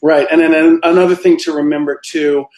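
A man's voice: fairly high pitch, little pitch movement, brisk, a little mellow, roomy sound, low-quality recording. A man who designs tiny houses, reading out viewer questions and explaining answers in a live Q&A. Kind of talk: live Q&A chat.

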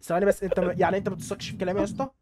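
A man's voice: high-pitched, little pitch movement, background noise. A man with an Egyptian Arabic accent, bragging and trash-talking his friends over voice chat while gaming. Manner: cocky, rapid-fire trash talk with lots of repeating. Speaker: gaming streamer.

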